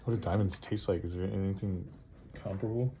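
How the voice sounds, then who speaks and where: A woman's voice: very deep voice, fairly even intonation, brisk, very noisy. A mother playfully interviewing her children, teasing them with question after question and laughing often.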